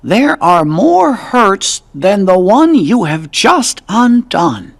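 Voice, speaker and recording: A man's voice: high-pitched, sing-song, slow, gravelly, exaggerated voice. An actor playing a small, earnest male cricket who keeps a journal, in a game cutscene.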